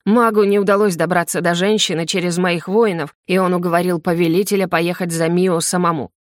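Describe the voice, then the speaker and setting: A woman's voice: lowish voice, fairly even intonation, brisk, no echo, lightly acted. A woman reading the part of a cold, commanding male general in an audiobook, speaking dryly and curtly. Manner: dry and cold.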